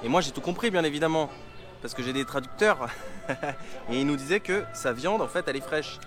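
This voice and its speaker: A man talking casually to camera on a travel vlog, relaxed and chatty with frequent laughs, tired from the trip, recorded outdoors at a street restaurant on a handheld camera mic. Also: fairly high pitch, fairly quick, music in the background. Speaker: travel vlogger.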